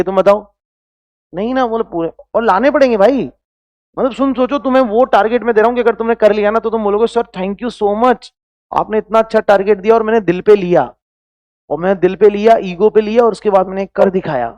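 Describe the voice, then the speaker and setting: High-pitched guy teaching chem online, keeps firing questions at the class, dry close sound. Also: darkish tone, no echo, dull audio. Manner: quizzing students with constant rhetorical questions; mixes Hindi with English phrases. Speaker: chemistry teacher.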